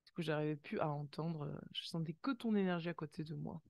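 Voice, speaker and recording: Low, fairly quick, and with vocal fry, a woman's voice in a dry recording leads an intuitive oracle card reading. She speaks warmly and directly to her viewers, full of gasped wows and little sound effects.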